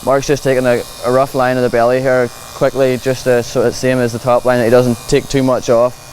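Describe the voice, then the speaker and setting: In a low-quality recording full of clear clipper buzz and machine noise, a man from Northern Ireland commentates on a livestock clipping demonstration. His Northern Irish accent accompanies a plain, practical, reassuring explanation. His mid-range voice has a darkish tone and is totally flat, moving fairly quickly.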